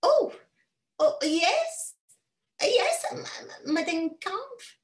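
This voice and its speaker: A woman voicing a flustered English governess with a very high, fluttery voice. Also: very animated, very slow, reverberant, exaggerated voice.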